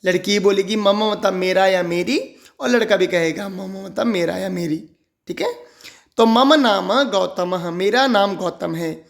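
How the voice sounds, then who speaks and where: Gravelly-voiced man teaching a lesson. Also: high voice. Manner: slow, carefully spelled-out recitation and repetition. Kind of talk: textbook lesson for children.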